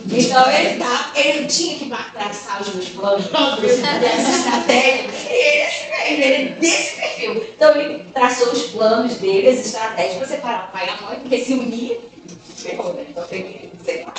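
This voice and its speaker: High-voiced woman telling lively stories. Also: moderate pace, a crowd in the background. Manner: animated storytelling, acting out children and parents. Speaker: guest speaker on gifted education. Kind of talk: casual talk to teachers. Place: large room or hall at a school training session. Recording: echoey room, voice from far off.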